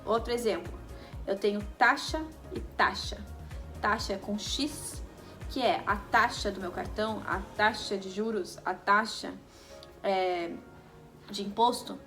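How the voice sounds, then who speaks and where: A woman's voice: medium pitch, unhurried, fairly bright tone. A woman teaching a lesson, explaining step by step and checking in with the viewers as she goes. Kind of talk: video lesson. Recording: music bed under the voice.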